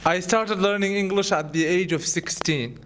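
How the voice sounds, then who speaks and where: A young English teacher responds to his students' questions with animation, frequently repeating a word before continuing as he thinks. His voice is high for a man and his pace moderate, with a slight hiss or hum in the audio.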